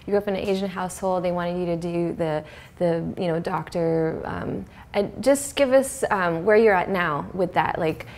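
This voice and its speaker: A woman hosting a casual interview, encouraging her guest with quick affirmations. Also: lowish voice, a little mellow, slight background noise. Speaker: host.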